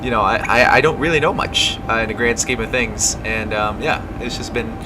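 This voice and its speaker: A man's voice: on the low side, fairly even intonation, moderate pace, noisy background. A man chatting casually as a flight streamer, rambling and self-deprecating. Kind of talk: casual chat to stream viewers.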